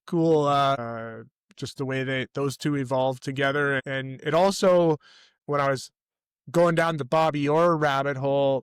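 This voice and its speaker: On a relaxed sports podcast, a middle-aged Canadian co-host spins meandering stories, often backtracking to correct himself. His voice is medium in pitch, slightly bright and clean, recorded with no room sound.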